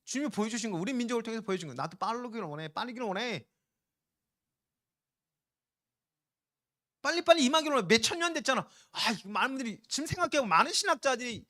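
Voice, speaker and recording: A male pastor delivers a sermon in a high, bright voice at a rapid clip. He preaches with urgent emphasis and sometimes slips into slow, lazy voices to act out the people he quotes.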